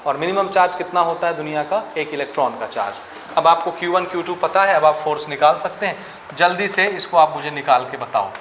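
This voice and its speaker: A man teaches physics to a class in a slightly high voice, working numbers out aloud and asking students for answers. The room is echoey, with faint noise behind him. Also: brisk, a bit bright. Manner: asks students questions, works sums aloud. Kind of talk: classroom lecture.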